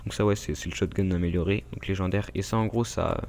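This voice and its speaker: A man's voice: low-pitched, steady tone, quick pace, creaky, a little mellow. A man with a French accent giving casual, rambling gameplay commentary, full of fillers and asides to his viewers. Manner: rambling, filler-heavy, addresses viewers directly. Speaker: gaming YouTuber.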